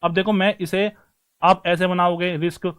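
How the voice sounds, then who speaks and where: A man teaching stenography in a live class, with a high, light voice. He talks to his students like brothers and friends, easygoing and repetitive, showing them step by step how to write each shape. His delivery is a casual teaching style rather than formal. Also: flat delivery, normal speed, fairly bright tone, clean tone. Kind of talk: online class lesson.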